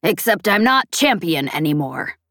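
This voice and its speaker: A woman voicing a young male pirate pilot with a low, growling voice in an audiobook. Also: sing-song, moderate pace, a bit bright, dry recording, studio quality. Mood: gruff.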